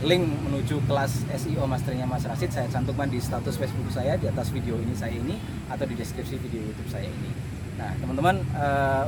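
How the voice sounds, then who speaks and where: A man talking casually to viewers while slow jogging, explaining things as a vlogger. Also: mid-range voice. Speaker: business and SEO vlogger. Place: outdoors on a street, on the move. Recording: loud outdoor street and traffic noise.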